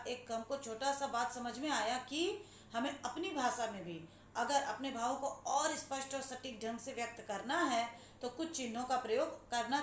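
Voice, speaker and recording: A woman teaching a grammar lesson, reading examples aloud slowly and then explaining them, often asking if students follow. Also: a little high. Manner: patient, checks understanding with questions. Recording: echoey room with faint hum.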